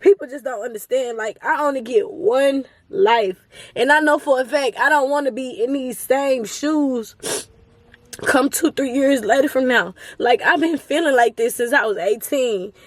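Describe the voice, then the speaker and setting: Young woman in her 20s, high voice, earnest vlog talk, dry close sound. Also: normal speed, dry recording. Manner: earnest, emotional, addresses viewers as y'all. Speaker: vlogger. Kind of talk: casual motivational talk to camera.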